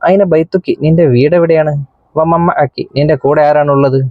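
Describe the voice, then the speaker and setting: A man's voice: a little high, steady tone, fairly quick, no room sound, highs cut off, close to an everyday voice. A teacher reading as a kind policeman with a Kerala accent. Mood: concerned. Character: kindly male police officer questioning a lost girl.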